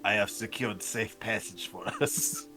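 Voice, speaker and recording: A man's voice: on the low side, steady tone, unhurried, sharp tone, soft background music. A man playing a rat adventurer who speaks formally and courteously in a tabletop game. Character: Mister Cheddar, a rat adventurer, polite.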